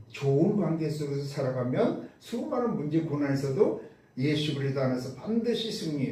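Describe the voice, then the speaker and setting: In a church sanctuary, a pastor with a fairly high, mellow voice preaches emphatically, often posing questions and answering them himself. The hall is very echoey, and he sounds far from the microphone.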